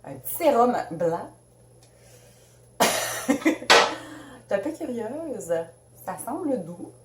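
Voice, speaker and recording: A chatty Québécoise woman unboxing beauty products, her voice swinging up and down with lively excitement. She talks in a loose, giggly way. The room is echoey, with a faint hum of ambience behind her. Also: on the high side, extremely slow. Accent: Québécois French. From Canada. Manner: bubbly, chatty, laughs often. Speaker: beauty vlogger. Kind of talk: casual unboxing chat.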